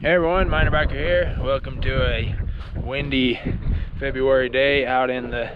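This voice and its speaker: A man's voice: medium pitch, fairly even intonation, normal speed. A man giving a casual, folksy and enthusiastic outdoor vlog narration out in the open. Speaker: outdoor adventure vlogger. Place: outdoors in windy open desert. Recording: dull audio with loud wind noise. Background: blowing wind.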